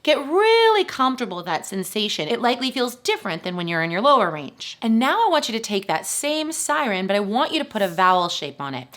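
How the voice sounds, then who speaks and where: A woman's voice: fairly high pitch, sing-song, fairly quick, hardly any pauses, a bit bright. A woman teaching as a voice coach, upbeat and encouraging as she talks students through vocal exercises. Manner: upbeat and encouraging, checks in with "right?". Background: piano accompaniment.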